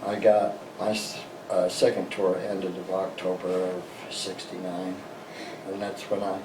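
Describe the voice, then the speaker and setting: An older American man speaks from a little way off in an echoing room. He is a veteran looking back on his life, plain-spoken and halting, in a low voice that stays fairly flat. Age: older, 60s or above. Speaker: interviewee, war veteran. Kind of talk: personal reminiscence in an interview. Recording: roomy, distant mic, noisy background.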